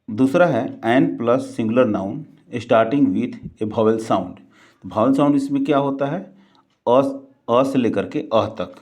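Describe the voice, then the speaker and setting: Guy teaching grammar, low mellow voice, asks then answers his own questions. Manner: repeats words slowly for emphasis. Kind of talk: grammar lesson.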